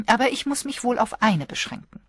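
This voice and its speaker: A woman voicing an eager, opinionated older married lady, talking brisk and animated in an audiobook. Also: fairly high pitch, slightly rough, no echo, studio quality, voice pushed up, exaggerated voice. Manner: brisk, animated, self-correcting.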